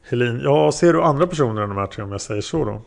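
A man's voice: medium pitch, lively intonation, vocal fry. A man voicing a male prosecutor who questions a witness step by step, in a methodical way. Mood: probing.

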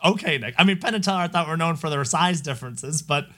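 Chatty, bright-voiced male podcast host. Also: fairly high pitch, quick pace. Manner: laughs often, rambling with fillers. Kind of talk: casual chat.

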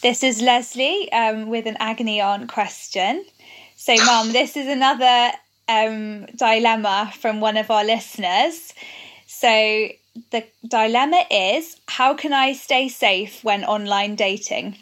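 Young woman, British accent, bright forward voice, informal podcast host, casual questions, encouraging. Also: fairly high pitch, slow pace. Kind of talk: casual chat and interviewing.

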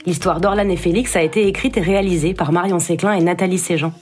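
A woman calmly reading the credits of a podcast. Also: lowish voice, fast talker, husky. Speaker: podcast announcer. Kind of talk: scripted credits narration.

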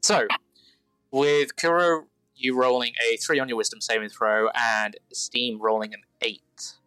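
A man runs a tabletop role-playing game as game master. He speaks slowly in a bright, forward voice, close and dry, with faint music underneath. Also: medium pitch, fairly even intonation, smooth, dry recording, rough recording.

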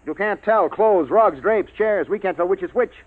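An urgent radio-drama scientist. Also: male voice, high voice, normal speed. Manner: urgent, explaining. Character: earnest male scientist, urgent and analytical. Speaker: scientist on a space base. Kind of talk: 1950s radio drama acting. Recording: tinny old radio broadcast.

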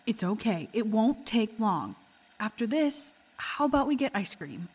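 A woman's voice: on the high side, sing-song, a little slow, darkish tone, slightly rough, heavily acted. A woman playing a ghostly doctor and mother, tender yet torn, in an audio drama. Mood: soothing, tender.

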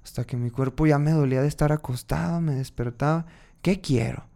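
Guy on a podcast, voice sits kinda high, telling his own story all animated, acting out what he was thinking. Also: quick pace. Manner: animated, acts out his own inner dialogue. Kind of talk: casual personal storytelling.

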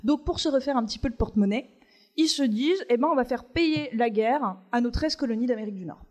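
A woman co-hosts a live podcast and walks the audience through a history segment. She talks casually and step by step, pausing on fillers as she goes. Her voice sits a little high. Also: animated, darkish tone. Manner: chatty, explains step by step with many fillers. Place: stage in front of a live audience.

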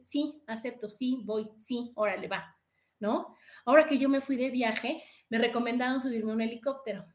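A woman with a Mexican accent hosting a podcast in casual chat, animated and often acting out what people say, with frequent tag questions. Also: high-pitched. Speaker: podcast host.

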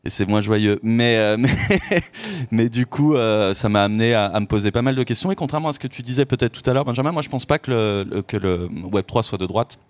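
Low-voiced man in his forties, relaxed. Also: fairly quick, dry recording. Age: 40s. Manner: relaxed, self-mocking, hesitant restarts. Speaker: editor-in-chief and panel guest. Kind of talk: round-table discussion.

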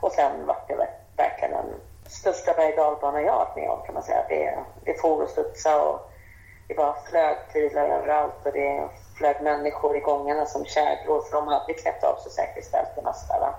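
Gravelly-voiced woman, lively storyteller. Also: low voice. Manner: lively and animated, acts out the voices of people in her story. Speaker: interview guest. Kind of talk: casual storytelling. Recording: dull, roomy radio sound.

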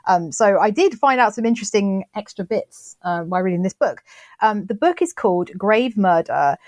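A woman's voice: medium pitch, animated, normal speed, no echo. A woman co-hosting a podcast in casual, chatty talk, self-deprecating and full of restarts. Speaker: podcast co-host. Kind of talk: casual chat.

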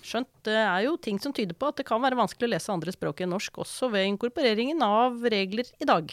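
A woman's voice: a little high, animated, a little hiss or hum. Role: upbeat female podcast host. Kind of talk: podcast interview and outro.

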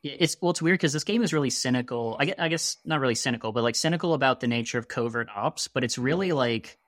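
Male podcast co-host, mid-pitched, casual and wry, meandering delivery, dry close sound. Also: quick pace, a bit bright, dry recording. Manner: rambling, heavy on "you know" and "like"; wry, sarcastic asides. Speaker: podcast co-host discussing a video game.

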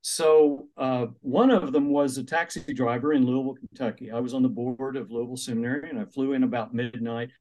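Older man telling lively stories. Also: medium pitch, a little fast, hardly any pauses. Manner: animated, acts out quoted voices. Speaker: author and minister. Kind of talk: interview storytelling.

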